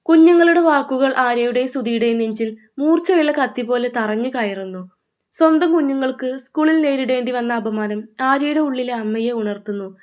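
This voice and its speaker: A woman narrating a dramatic family story in a steady, scripted manner. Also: high-pitched, normal speed.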